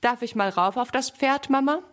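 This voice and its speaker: A woman voices an eager, impatient little boy in a children's story. Her voice is high-pitched and set above her natural register, yet stays close to an everyday sound, and she keeps a moderate pace.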